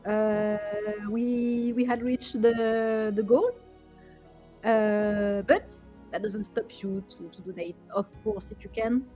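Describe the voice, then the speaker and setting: A woman's voice: mid-range voice, steady tone, slow pace, mellow, faint music behind. A woman doing live fighting-game commentary, reacting with gasps and teasing her co-host playfully. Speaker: esports commentator.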